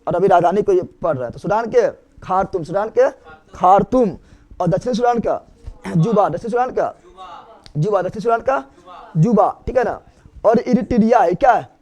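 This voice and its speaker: A man's voice: high-pitched, animated, moderate pace, a little mellow. A man teaching a geography lesson, who asks a question and answers it himself, repeating each fact many times over.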